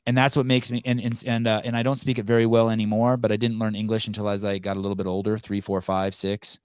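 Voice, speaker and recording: The host, a man whose first language is Armenian, speaks fast and smoothly in a lowish voice with a level tone. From his California home he rambles through a casual podcast chat, restarting often and cursing bluntly, in a dry recording with clean studio sound.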